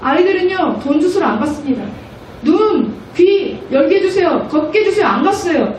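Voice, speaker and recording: A high-voiced woman missionary preaching with lively energy, now and then slipping into children's voices. She sounds distant from the mic in a strongly echoing church hall, with faint room noise underneath. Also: moderate pace. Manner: animated, acts out children's voices. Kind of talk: sermon at a prayer meeting. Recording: echoey room, mic far off.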